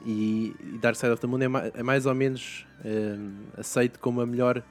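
A man's voice: mid-range voice, little pitch movement, normal speed. A young man with a European Portuguese accent, chatting casually as a podcast host and rambling with many restarts. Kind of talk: casual chat.

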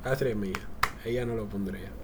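A man with a Dominican Spanish accent, co-hosting a podcast in casual comedic banter, telling things in animated street slang. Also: on the low side, fast talker, background noise. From Villa Consuelo, Dominican Republic. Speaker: podcast co-host.

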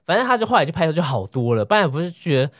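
A man telling a story in casual podcast chat, animated, swearing casually and acting out the lines of the people in it. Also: fairly high pitch, racing, dry recording, clean studio sound. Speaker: podcast co-host.

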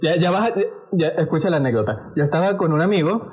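A man with a Venezuelan accent in casual chat, telling stories with animated delivery and acting out other people's voices. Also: on the high side, fast. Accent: Venezuelan Spanish.

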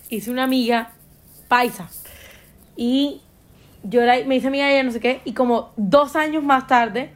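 A young woman, a podcast guest who chats in an animated, gushing way. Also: sits high. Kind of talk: casual podcast chat.

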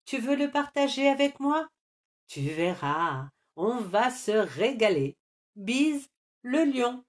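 A woman's voice: a little high, very animated, slow pace, pitched above the performer's own voice. A woman voicing a sly, cheerfully greedy male crocodile in a sing-song, lilting way. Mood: gleeful.

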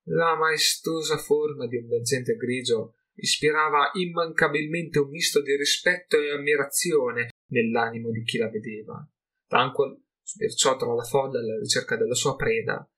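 A man narrating a fantasy audiobook in a measured, dramatic storytelling manner. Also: medium pitch, steady tone, a bit bright. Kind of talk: scripted narration.

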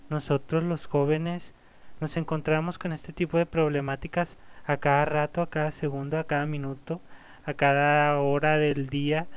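A man's voice: fairly high pitch, clean tone. A man in his twenties hosting a motivational podcast, talking earnestly and encouragingly straight to his listeners. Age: 20s. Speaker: podcast host.

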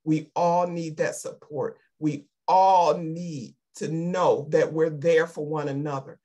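Lady preaching on a video call, kinda husky and low, really emotional and repeats stuff. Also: fairly even intonation, slow, dark tone. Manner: fervent, emotional, repetitive exhortation. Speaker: lay preacher. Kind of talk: sermon over a video call.

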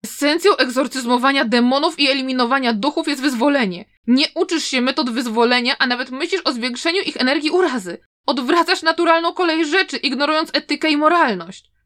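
A woman's voice: high-pitched, fairly quick, fairly bright tone. A woman reading a stern, easily enraged old male teacher in an audiobook, lecturing and scolding with outrage. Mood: outraged lecturing.

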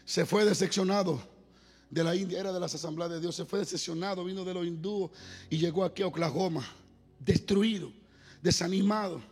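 A man with a high, slightly husky voice delivers an impassioned sermon and swells into loud exclamations. His voice rings through a large hall with a long reverb, over faint music. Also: fairly even intonation, a little fast. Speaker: preacher.

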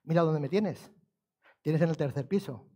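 A man voicing a calm Jesus who patiently answers a complaining man in a sermon story. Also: fairly high pitch, moderate pace, slightly rough, in a large hall.

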